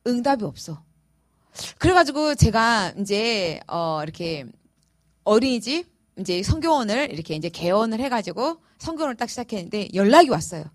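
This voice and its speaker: High, lively woman pastor preaching. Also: normal speed, no echo, clean studio sound. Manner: emphatic, expressive storytelling. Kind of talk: sermon with personal testimony.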